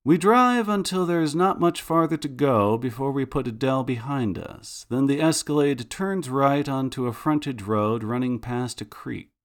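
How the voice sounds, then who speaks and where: A man's voice: medium pitch, moderate pace, hardly any pauses. A man reading a first-person serial story aloud, with a dry, sardonic way of telling it. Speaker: narrator. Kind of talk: first-person audiobook narration of serial fiction.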